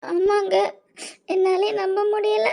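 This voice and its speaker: Performer doing a tearful young cartoon wife, southern tamil nadu accent, squeaky-high voice, halting. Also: level tone, creaky, a little mellow, full character voice. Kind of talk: cartoon voice acting.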